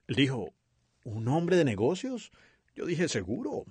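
A man voicing over a sermon as a dub, with a lively, expressive delivery. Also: medium pitch, unhurried, husky, no echo. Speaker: sermon interpreter.

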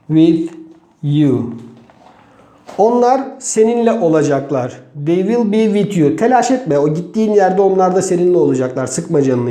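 High-voiced man teaching English slowly. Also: warm tone, roomy sound. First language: Turkish. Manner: slow, deliberate, spells out example sentences word by word. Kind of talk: online grammar lesson.

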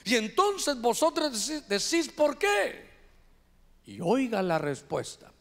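Honduran pastor, high voice, animated sermon delivery in church, keeps calling out "hermano". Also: male voice, measured pace. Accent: Honduran Spanish. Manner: preaching to a congregation, animated, addresses listeners as "hermano".

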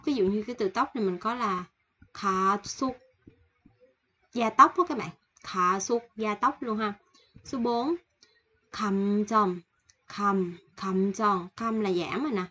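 A woman with a cold teaching Korean vocabulary in a casual online lesson, slowly repeating and explaining each word from a list. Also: medium pitch, pushed and bright, slightly rough, lo-fi sound. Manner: slow repetitive explaining, reading word lists. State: has a cold.

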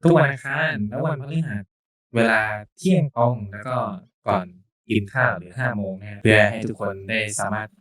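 Low-voiced man hosting a casual podcast. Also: animated, normal speed, a bit bright. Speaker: podcast host. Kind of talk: casual podcast chat introducing a channel.

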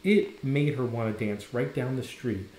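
A man reading a children's picture book aloud with an expressive read-aloud delivery, sometimes stopping to comment on the pictures. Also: medium pitch, unhurried, a little hiss or hum. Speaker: storybook reader. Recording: roomy echo.

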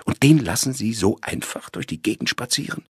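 A man as a calm, terse inspector. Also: medium pitch, a little fast, breathy edge, no room sound, clean studio sound, voice pushed up. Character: calm, composed male police inspector. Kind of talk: audiobook reading.

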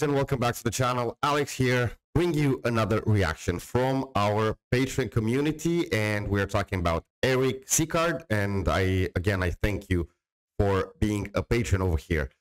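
A middle-aged man with a low, deep voice talks close into a studio microphone in a small dim room. He chats loosely and rambles, restarting his sentences and filling gaps as he goes. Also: low-quality recording. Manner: rambling, with many restarts and fillers. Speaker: reaction channel host. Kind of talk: casual talk to camera. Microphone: studio mic on a boom, close.

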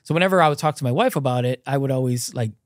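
A man's voice: mid-range voice, rapid-fire, dry recording. A man in his thirties from Hawaii, a guest telling his story in loose, casual conversation full of "like" fillers, on a close podcast mic in a small studio. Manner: loose and animated, lots of "like" fillers, gestures while talking. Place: small dim studio set with a couch. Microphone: boom-mounted podcast mic close up.

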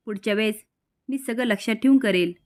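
A woman's voice: fairly high pitch, brisk, natural voice. A woman narrator voicing a polite, firm young bride in a storytelling recap. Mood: calm. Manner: respectful but steady.

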